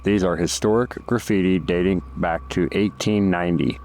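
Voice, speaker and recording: Male narrator for a guided-tour documentary: fairly low voice, formal scripted read. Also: fairly even intonation, moderate pace, a little mellow, slight background noise.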